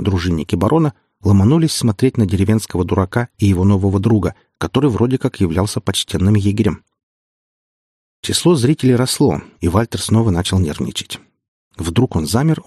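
Low, husky male audiobook narrator. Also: darkish tone, dry recording, studio quality. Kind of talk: scripted narration.

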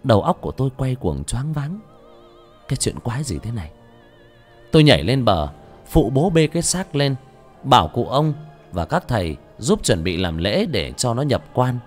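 A man tells a horror story in a dramatic, expressive way, then chats casually with his audience. His voice is medium in pitch and moves lively up and down. Soft music runs quietly behind him. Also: moderate pace. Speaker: audiobook narrator and channel host. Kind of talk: horror audiobook narration, then casual chat.

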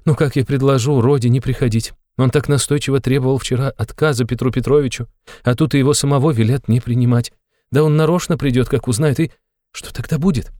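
A man reading an audiobook, voicing a flustered, tearful aging mother in a high, breathless voice. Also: steady tone, mellow, no echo, clean studio sound, natural voice. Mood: anxious. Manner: breathless, rushed, exclamatory.

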